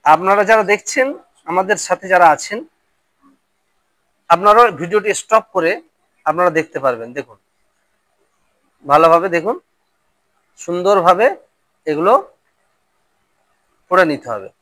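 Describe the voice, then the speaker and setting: High-voiced male Quran teacher. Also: moderate pace, pauses often, fairly bright tone, no echo. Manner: drills letter sounds, asks pupils questions. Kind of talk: classroom lesson on Arabic letters.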